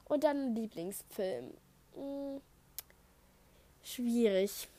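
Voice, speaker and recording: Speaking extremely slowly in a fairly high, mellow, animated voice, this Saxon teen of thirteen and a half chats through listener questions on her own podcast. She rambles, wanders off topic and fills her speech with fillers, recorded at home on an Apple headset with construction noise outside.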